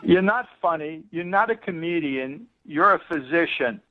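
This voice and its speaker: A man's voice: a little high, expressive, normal speed, no echo. A man being pranked over the phone, sounding indignant and flustered. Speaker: prank call target. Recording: muffled radio phone line.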